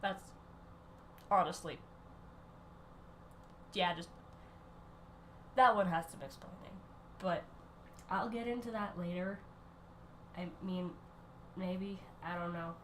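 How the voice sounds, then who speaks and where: A woman's voice: lowish voice, takes it slowly, long pauses, a little hiss or hum. Rambling, self-interrupting sick woman. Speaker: art channel creator. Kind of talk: casual rambling voice-over.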